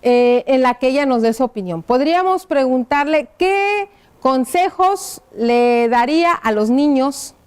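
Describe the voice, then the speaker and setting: A woman teaching a primary school lesson on TV, talking slowly and patiently and spelling out each word as she writes, checking in with the children. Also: sits high, animated, clear, resonant tone. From Mexico. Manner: asks the pupils rhetorical check-in questions. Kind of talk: classroom lesson on TV.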